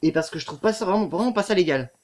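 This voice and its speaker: A man's voice: high voice, expressive, very fast, a little mellow. A man giving let's play commentary on a horror game, muttering to the game, swearing often and yelping when startled.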